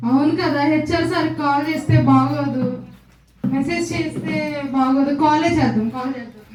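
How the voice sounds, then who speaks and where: A woman's voice: high-pitched, moderate pace, a little mellow, close to an everyday voice. A woman playing an apologetic office worker, echoey. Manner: polite, apologetic on the phone. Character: young female office worker, torn between church and promotion. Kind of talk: amateur church skit acting. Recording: echoey, distant.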